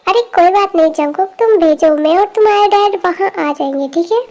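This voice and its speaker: A woman's voice: very high voice, fairly quick, warm tone. A woman voicing a worried, affectionate middle-aged mother in an amateur fan dub, with an anxious, motherly manner.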